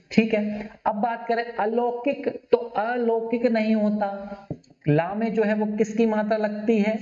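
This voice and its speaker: A man teaching a Hindi spelling class, asking his students questions and repeating words slowly. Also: high-pitched, dark tone. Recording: dull, echoey classroom recording.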